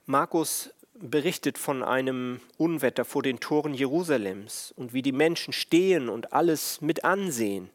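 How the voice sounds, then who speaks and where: A man preaching a sermon on the Passion in a slow, measured, solemn way. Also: medium pitch, expressive. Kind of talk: sermon on the stations of the cross.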